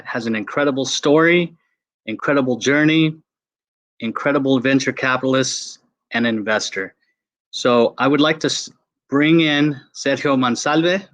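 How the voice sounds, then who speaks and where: A man's voice: medium pitch, a bit bright, dry recording. Male moderator, effusive, filler-heavy, dry close video-call sound. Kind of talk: hosting a webinar.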